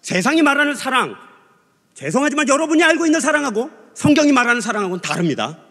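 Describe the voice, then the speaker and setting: Animated middle-aged pastor, booming hall. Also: male voice, fast talker, husky. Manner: animated, acts out quoted voices, swings from loud to hushed. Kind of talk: storytelling sermon. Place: large church sanctuary. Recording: long hall reverb.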